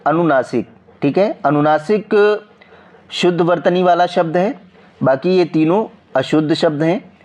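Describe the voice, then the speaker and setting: A man with a Hindi accent explaining exam practice questions as a coaching teacher, slowly and repetitively, checking in with viewers often. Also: fairly high pitch, darkish tone.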